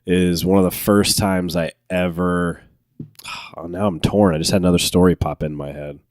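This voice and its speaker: Animated man with a lowish voice. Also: normal speed, no echo, clean studio sound. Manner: animated, laughing, jumps into high-pitched quoted voices. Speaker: podcast co-host. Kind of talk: casual storytelling chat.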